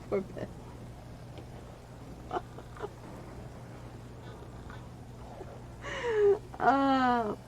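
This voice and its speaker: A woman streaming gameplay, her voice hoarse and wearing out, rambling and venting between comments on the game. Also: mid-range voice, background noise.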